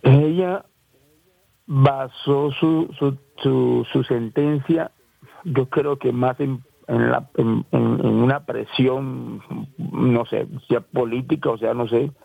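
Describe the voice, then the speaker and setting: A man with a Colombian Caribbean coast accent recounts his own story, circling back and restarting his sentences. His voice is gravelly and breathy. The sound is dry and thin, like a phone call. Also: medium pitch, slow, no room sound. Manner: rambling, repeats and restarts, acts out quoted voices. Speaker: interviewee. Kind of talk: emotional first-person account. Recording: dry, tinny phone-like line.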